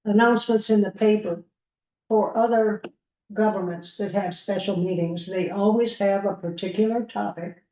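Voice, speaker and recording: Commissioner, woman, mellow and deliberate, leaning on key words; echoey video call audio. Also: medium pitch, steady tone. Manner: deliberate, emphatic, slows down on key points. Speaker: port commissioner. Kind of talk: public board meeting discussion.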